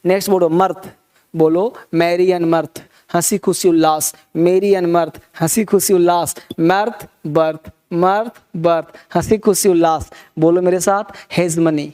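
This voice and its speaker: A man's voice: high-pitched, darkish tone. A man teaching a vocabulary lesson, repeating words in rhythmic drills and leading the class in call-and-response. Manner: repetitive rhythmic drilling of word tricks.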